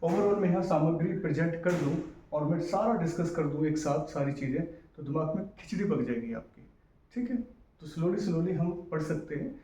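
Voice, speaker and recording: A male history teacher giving a casual exam-prep lecture in mix, often checking in with his students by asking whether things are clear. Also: fairly high pitch, lively intonation, normal speed, dark tone. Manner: repetitive, checks in with "clear guys?". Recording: echoey room, distant mic, faint hiss.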